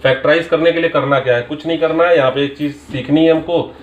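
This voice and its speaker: A man's voice: on the high side, steady tone, fast, dull audio. Man teaching maths in an echoey room. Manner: patient step-by-step explaining, mixing English terms. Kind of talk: Hindi-English maths lesson explaining a paper.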